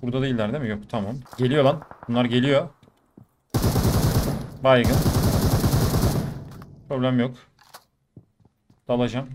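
A man's voice: medium pitch, a little slow, pauses often, noisy background. Chatty man commentating a shooter game. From Turkey. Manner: chatty, addresses viewers, bursts of excitement. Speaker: gaming YouTuber. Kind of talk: live commentary over mobile shooter gameplay.

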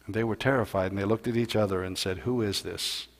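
A man preaching a sermon as a pastor, telling a Bible story and building louder and higher in the dramatic parts. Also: fairly even intonation, fast. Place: church sanctuary. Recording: long hall reverb in church.

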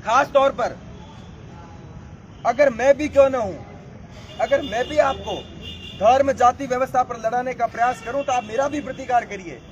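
High-pitched young man, booming political rally speech. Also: normal speed, long pauses, dull audio. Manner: emphatic, exhorting, addressing a crowd. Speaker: student election candidate. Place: outdoors in a campus yard before a standing crowd. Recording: noisy outdoor crowd gathering.

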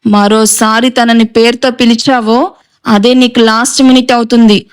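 A woman's voice: fairly high pitch, steady tone, moderate pace, clear, resonant tone, lightly acted. A woman voicing a stern, hot-tempered young man who gives clipped, cold orders to his younger brother. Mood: menacing.

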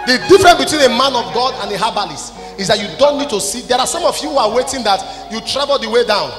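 Fast and expressive, this very high-voiced Nigerian man in his forties leads a church service as an apostle, scolding his congregation in short, emphatic statements. He holds a handheld mic on stage in a big hall, and the PA echoes over background music.

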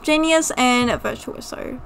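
High, bubbly woman gaming host. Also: a little slow, gravelly, a little hiss or hum. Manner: chatty, excitable, giggly. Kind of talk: casual gameplay commentary. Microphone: desktop USB mic.

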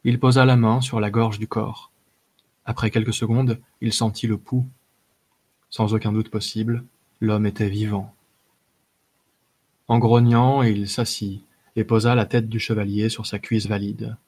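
A man narrating a fantasy short story as an audiobook reader, measured, with the odd hesitation. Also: lowish voice, level tone, darkish tone, husky. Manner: measured reading with occasional filler hesitations.

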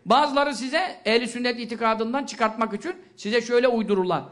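A man giving a religious lecture, asking questions and answering them himself, with quick recited Arabic verses. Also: very high voice, fairly bright tone. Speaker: preacher.

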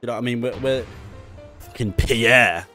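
A young man giving casual gameplay commentary, excitable and swearing often, with frustrated outbursts. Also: medium pitch, normal speed, no room sound, soft background music. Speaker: gaming YouTuber.

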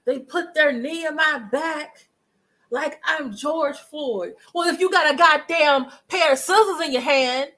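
A middle-aged woman talks straight into her webcam in a home living room, hosting a live commentary stream. Her voice sits a bit high and sounds bright and forward. She speaks emphatically and breaks off to greet viewers in chat. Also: low-quality recording. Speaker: livestream commentary host. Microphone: webcam at desk distance.

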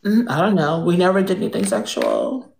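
Heavily acting, a young woman uses a lowish, darkish voice with huge pitch swings, a brisk pace, and vocal fry. Her improvised livestream persona is a shameless, spoiled rich girl, smug and airy with a drawl, captured on a phone front camera in a pink-lit room, with roomy audio and slight background noise.

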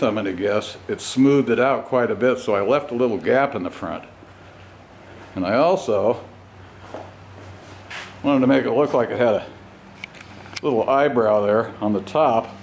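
Here a motorcycle vlogger and home mechanic talks at a medium pitch, casually walking through his custom bike work. His delivery is unhurried and halting, with pauses between phrases, like a hobbyist filming by hand in a garage. The handheld camera mic makes for a noisy recording in his home garage, where the door is open.

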